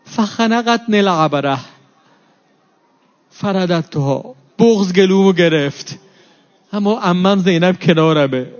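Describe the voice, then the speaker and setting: Guy giving a mourning sermon, high voice, recites arabic then explains it, muffled lo-fi recording. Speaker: preacher. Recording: dull lo-fi recording.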